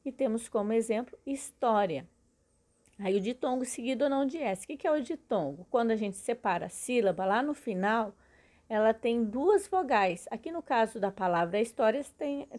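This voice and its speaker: A teacher woman with a fairly high voice explains grammar rules to her class. She talks patiently and breaks words into syllables one by one. She often checks in with her students as she goes. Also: lively intonation, normal speed, darkish tone. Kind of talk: recorded grammar lesson.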